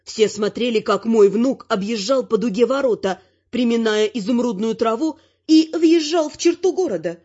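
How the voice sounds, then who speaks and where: A woman reading first-person fantasy audiobook narration with wry, expressive delivery. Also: a little high, normal speed, few pauses. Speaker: audiobook reader. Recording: slightly dull lo-fi sound.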